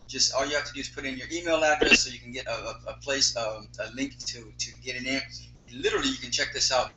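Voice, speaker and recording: A man hosting a live call-in show over a speakerphone, halting and often repeating his words as he restarts. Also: mid-range voice, big pitch swings, pushed and bright. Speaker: host. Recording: roomy speakerphone echo, faint hiss.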